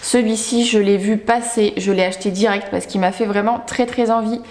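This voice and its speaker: A woman's voice: mid-range voice, fairly even intonation, moderate pace, darkish tone. A young woman chatting casually about the books she bought, talkative and self-mocking with lots of fillers. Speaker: book vlogger. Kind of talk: casual book haul chat. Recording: echoey room.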